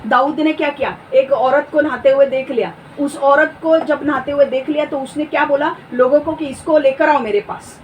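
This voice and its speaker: A woman teaching a Bible lesson. She keeps asking her listeners whether they understand and reads verses slowly and with emphasis. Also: sits high, steady tone, lo-fi sound. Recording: distant mic with faint background noise.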